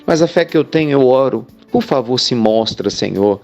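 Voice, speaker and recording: A man's voice: mid-range voice, animated, moderate pace, darkish tone, faint music behind, close to an everyday voice. A man voicing a desperate male mountain climber stranded on a rope, pleading and stubborn. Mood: praying.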